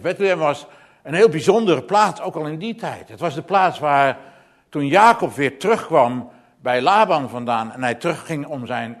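A man preaching a sermon, earnest and emphatic, often repeating words as he goes. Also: medium pitch.

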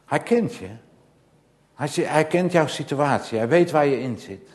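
Unhurried yet lively, this man's voice sits on the high side as he preaches. He keeps asking rhetorical questions and repeating phrases more and more insistently, swelling into loud emphasis.

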